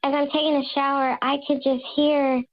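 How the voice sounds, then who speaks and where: A woman's voice: sits high, flat delivery, moderate pace. A woman calling in anonymously, her voice run through a voice changer, telling her story nervously and hesitantly. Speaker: anonymous caller confessing. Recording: dull lo-fi disguised line.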